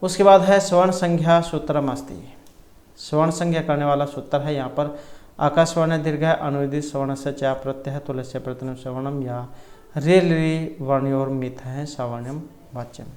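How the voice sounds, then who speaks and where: A man's voice: a little high, steady tone, moderate pace, a little mellow. A man teaching an exam-prep lesson, explaining multiple-choice answers and reciting terms and grammar rules one by one. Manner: self-corrects mid-sentence. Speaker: Sanskrit exam tutor.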